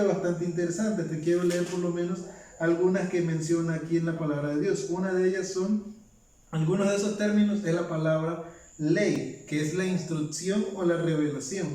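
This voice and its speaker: Guy with a fairly high voice doing casual bible teaching, lots of "what? ..." questions to himself, sounds a bit far from the mic. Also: darkish tone. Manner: explanatory, asks himself rhetorical questions; reads verses aloud one after another. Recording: very echoey room, mic at a distance.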